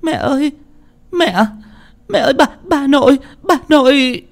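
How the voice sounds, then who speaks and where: A man's voice: sing-song, takes it slowly, darkish tone, exaggerated voice. A man voicing a frightened village woman and her crying daughter, stammering in panic. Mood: terrified sobbing. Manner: panicked, stammering, high and shrill.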